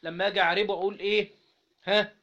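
High-voiced Egyptian grammar teacher. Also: male voice, flat delivery, bright, forceful tone. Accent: Egyptian Arabic. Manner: drills students with repeated questions, spells out syllables slowly. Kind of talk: classroom grammar lesson. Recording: dull lo-fi recording.

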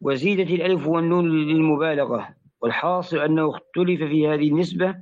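A fairly high male voice reads a classical commentary aloud for a teacher, pausing to spell out vowel marks and letters. The sound is muffled and lo-fi, like a taped lesson. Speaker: student reading the text aloud.

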